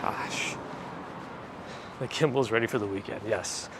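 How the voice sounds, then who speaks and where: A man hosts a live walking stream on city streets, chatting casually and reading viewer comments with dry asides. His voice is slightly phlegmy and gravelly, on the low side, a little slow and a bit bright. He records on a handheld gimbal camera rig with a recorder, with traffic and city ambience behind him.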